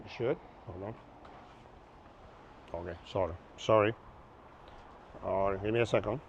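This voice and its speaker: A man in his fifties from Argentina, a native Spanish speaker with a Buenos Aires accent, gives a workshop lecture as an instructor in an open-sided outdoor pavilion. He is chatty and jokey and keeps checking in with his listeners. His voice is fairly low, a little slow and creaky, with the highs cut off and slight background noise.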